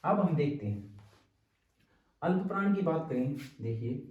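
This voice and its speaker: A man teaching an exam-prep lecture, patient and repetitive, often pausing to check in with his listeners. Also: on the high side, big pitch swings, phone-quality sound. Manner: patient, repeats terms and checks in with "ठीक है". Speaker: Hindi teacher. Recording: roomy, distant from the mic.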